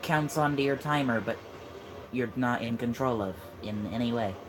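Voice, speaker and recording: Game music and a noisy background surround a man coaching a friend at a video game, teasing him and offering tips in a casual let's-play. He speaks at medium pitch and a moderate pace.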